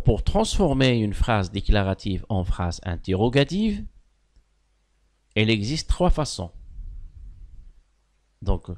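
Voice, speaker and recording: A male teacher explains grammar in a slow, deliberate way. His voice swings widely in pitch, and he punches key words with sudden loud lifts. He often praises the pupils' answers. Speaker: primary school French teacher. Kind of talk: classroom grammar lesson.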